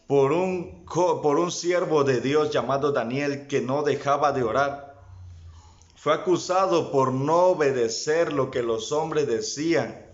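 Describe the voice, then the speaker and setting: Slow-speaking male preacher, lo-fi sound. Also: a little high. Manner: addresses listeners directly, rising in fervor. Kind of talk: sermon. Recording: dull lo-fi sound.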